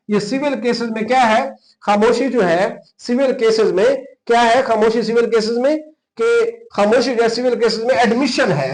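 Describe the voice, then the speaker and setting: A man with a Pakistani accent and a voice that sits high lectures police exam candidates on law, switching between Urdu and English legal terms. His style is repetitive and emphatic, with terms spelled out and frequent checks for understanding. The recording is rough.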